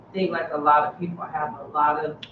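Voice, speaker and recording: A man relaying viewer questions on a livestream, speaking in a halting, hesitant way. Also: a little high, level tone. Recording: distant, roomy, noisy lo-fi audio.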